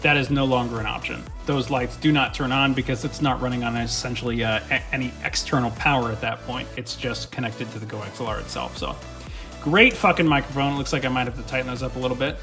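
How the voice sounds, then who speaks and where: A man's voice: medium pitch, fast talker, bright, forceful tone, faint music behind. Upbeat young man touring his desk. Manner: enthusiastic, swears casually, rambling. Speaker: streamer showing his setup. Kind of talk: casual gear tour. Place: home streaming desk. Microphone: studio USB/XLR dynamic mic.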